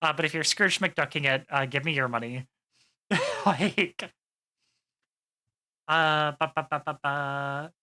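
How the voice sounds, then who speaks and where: A woman's voice: sits low, takes it slowly, long pauses, sharp tone. A woman streamer chatting casually to her viewers, rambling with plenty of fillers and swearing freely. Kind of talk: casual live-stream chat.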